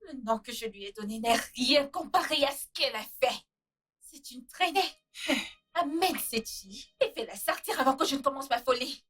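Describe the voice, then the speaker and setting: A woman's voice: high voice, animated, moderate pace, distant mic. An actress playing a jealous, furious young girlfriend who hurls insults. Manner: shouting insults. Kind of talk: dubbed film drama.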